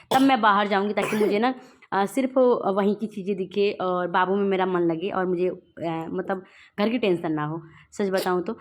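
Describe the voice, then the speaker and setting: Young mom chatting to her viewers at home, rambly and easygoing, mid-pitched voice. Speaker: vlogger and mother. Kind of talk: casual home vlog chat. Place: at home indoors.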